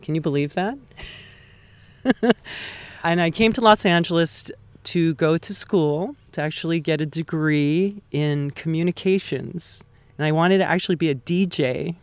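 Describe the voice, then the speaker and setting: A woman's voice: low voice, a little slow, dry recording. A middle-aged woman from Hawaii talks in a chatty, upbeat way, often thinking aloud as she answers. She is being interviewed outdoors under a tree. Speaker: guest, town council member. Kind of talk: casual interview talk.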